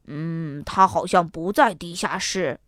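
A woman voicing a gentle, reassuring father in a children's storybook reading, speaking low and soothing. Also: takes it slowly, no echo, studio quality.

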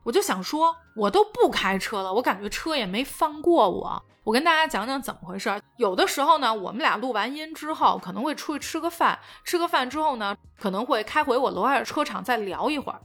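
A woman's voice: on the high side, animated, a little fast, few pauses, fairly bright tone, faint music behind. A woman, co-hosting a podcast in casual chat who agrees readily and chimes in often. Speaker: podcast co-host.

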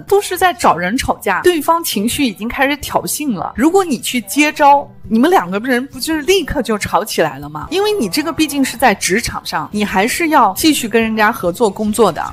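A woman hosting a podcast, talking in a lively, emphatic coaching tone as she gives advice. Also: medium pitch. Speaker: podcast host. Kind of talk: advice talk.

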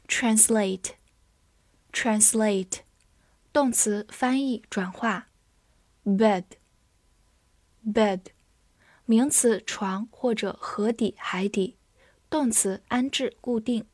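A woman reading an English vocabulary review. She says each word twice in a deliberate way, then gives its part of speech and meanings. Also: a little high, a little mellow, dry recording, clean studio sound.

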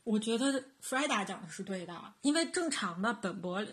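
A woman's voice: medium pitch, expressive, normal speed. A young adult woman co-hosting a casual podcast chat, playful and teasing. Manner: playful, teasing, jokes about herself. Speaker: podcast co-host.

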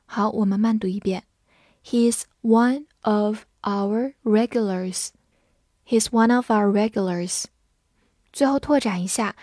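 A woman teaching English vocabulary, spelling words letter by letter and reading examples slowly and clearly. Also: medium pitch, a little mellow, no room sound, studio quality. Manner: clear and patient, drawn-out model readings.

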